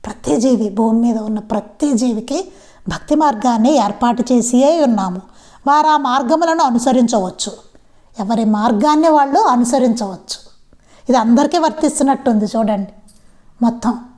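A woman's voice: a little high, normal speed, mellow. A woman giving a devotional satsang talk. She asks rhetorical questions and repeats the key lines again and again. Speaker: satsang speaker.

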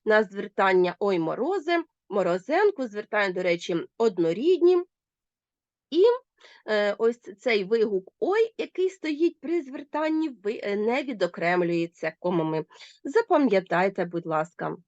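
Lively woman teaching a grammar lesson. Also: mid-range voice, unhurried, no room sound, dull audio. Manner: animated, addresses pupils directly. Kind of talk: recorded online grammar lesson.

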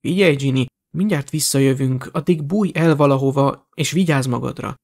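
A man's voice: medium pitch, creaky, a little mellow, lightly acted. A man voicing an earnest teenage boy hero in an audiobook. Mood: urgent.

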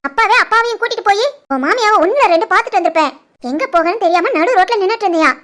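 A woman voicing a protective, fierce middle-aged mother in an animated family drama, with a stern, scolding manner and a Tirunelveli Tamil accent. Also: very high voice, very fast.

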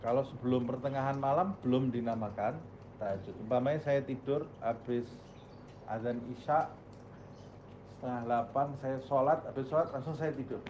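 A man's voice: medium pitch, normal speed, a little mellow, lo-fi sound, a little hiss or hum. A male Islamic teacher giving a religious study lecture, posing questions to the audience and answering them himself.

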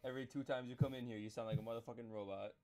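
A man in casual gaming voice chat, teasing his friends with rapid-fire jokes. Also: medium pitch, steady tone, music in the background. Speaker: teammate.

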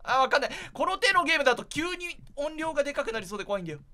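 A man's voice: extremely high pitch, sing-song, very fast, background noise. A man doing casual, chatty gameplay commentary for viewers, sounding jittery as he goes. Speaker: gaming streamer.

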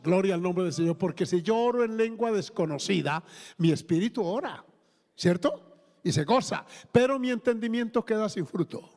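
A Colombian-accented pastor preaches a sermon, pausing often for praise and questions to the congregation in call-and-response style. His voice sits high and is a little mellow, trailed by a long reverb.

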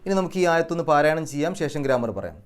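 A man teaching Quran recitation rules and Arabic grammar, explaining patiently step by step and chanting verses slowly, with a Malayali accent. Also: a little high, lively intonation, clear, resonant tone.

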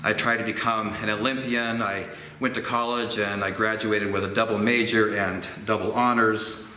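A man in his sixties preaching a sermon slowly and gently in a church sanctuary, gesturing as he reflects. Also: on the low side. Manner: slow, gentle and reflective, with expressive hand gestures. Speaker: pastor. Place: church sanctuary with organ pipes. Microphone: fixed camera at medium distance. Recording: roomy church echo, faint ambient noise.

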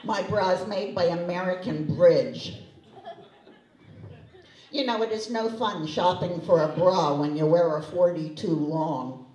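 A woman delivers dry, self-deprecating stand-up jokes. She speaks slowly in a low voice. The room is roomy and the mic sits at a distance. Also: mellow. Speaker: stand-up comedian. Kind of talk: stand-up routine. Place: comedy club stage. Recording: echoey club, distant mic.

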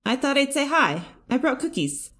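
A woman voicing a nervous, earnest young male hero in a fanfic audiobook, speaking hesitantly and politely, a bit above her own pitch. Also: big pitch swings, normal speed, fairly bright tone.

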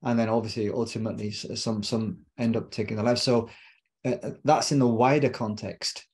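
Talking at a moderate pace with fairly even intonation, this British relationship coach has a lowish, somewhat mellow voice. The reflective middle-aged guest chats in a casual interview via video call from a bookshelf-lined home room, repeating words while he hunts for the right phrasing.

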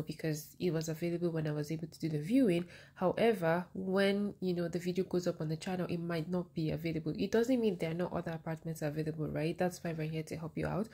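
Chatty woman with a warm, low voice. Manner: chatty, frequent "you know" fillers. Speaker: vlogger giving rental house tours. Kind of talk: casual voice-over for a house tour.

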